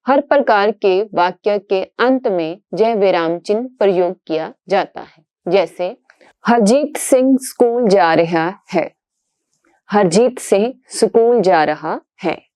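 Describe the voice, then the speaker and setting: Slow, formal woman teaching a lesson. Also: medium pitch, dark tone, no room sound. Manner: slow, measured, formal explanatory delivery. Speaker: online language teacher. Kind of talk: scripted lesson narration.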